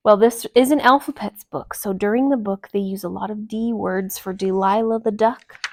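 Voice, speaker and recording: A woman reads aloud from a children's storybook, her mid-range voice expressive and her pacing deliberate, as in storytelling.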